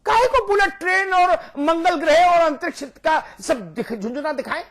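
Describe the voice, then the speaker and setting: A man's voice: extremely high pitch, lively intonation, normal speed, fairly bright tone. A man speaking as a guest on a TV news debate, emphatic and rhetorical, repeating his points for force. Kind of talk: heated TV debate argument.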